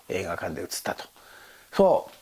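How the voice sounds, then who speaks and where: A husky older man talks in a slightly tipsy, casual monologue about life as an actor. His pitch swings up and down a lot as he rambles. He laughs often and mimics the people in his stories. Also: sing-song, slow pace, mellow. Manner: rambling storytelling with laughs and quoted voices. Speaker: actor recalling a film shoot.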